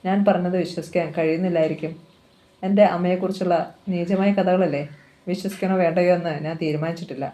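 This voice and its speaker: A pleading young woman, worried about losing her love, read by the novel's narrator. The tone is warm and dark, at a middle pitch, in a plain audiobook reading. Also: fairly even intonation, quick pace, close to an everyday voice. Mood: anxious.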